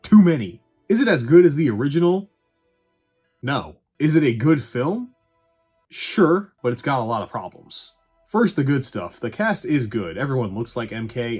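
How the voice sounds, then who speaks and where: This video essay host reviewing films has a medium-pitched, darkish, slightly rough voice. His voice-over is casual and opinionated, full of swearing, bluntness and dry side comments, with music playing underneath.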